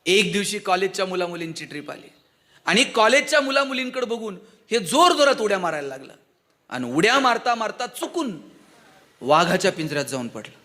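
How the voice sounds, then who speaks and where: A man's voice: sits high, big pitch swings, a little fast, pushed and bright. A man giving a motivational speech to students, full of rhetorical questions to the audience. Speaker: motivational speaker.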